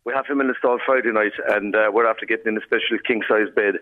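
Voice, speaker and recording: Tinny phone line, Irish man, Kerry accent, lilting storyteller, quick pace, wry. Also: lowish voice, steady tone. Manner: wry, colloquial. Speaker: writer and interview guest. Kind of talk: lilting, anecdotal storytelling in casual chat. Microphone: telephone.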